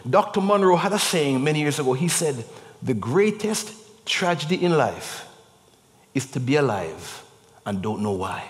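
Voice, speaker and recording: A man preaching a sermon as a guest preacher, with animated delivery and drawn-out emphatic phrases. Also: fairly high pitch. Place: chapel. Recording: long echo of a chapel.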